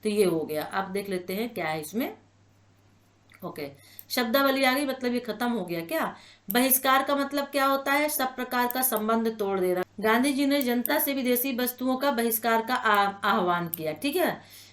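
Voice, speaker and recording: Brief: female online tutor, bright higher voice, patient, repeats words and keeps checking "all right?". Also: expressive. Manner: explanatory, repeats words slowly with frequent "ठीक है ना" check-ins. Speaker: online exam-prep tutor. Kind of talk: spoken exam-prep lecture.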